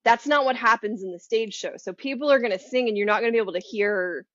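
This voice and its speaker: A woman co-hosts a podcast in casual chat, talkative and quick to laugh. Her voice is recorded close and dry, with no room echo. The sound is slightly muffled and dull. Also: on the high side, a bit bright. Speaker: podcast co-host.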